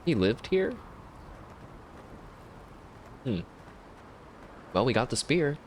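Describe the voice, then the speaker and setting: A man's voice: mid-range voice, sing-song, unhurried, a little hiss or hum. A man giving casual, jokey let's-play commentary while playing a game. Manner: chatty, jokey, self-mocking. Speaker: gameplay commentator.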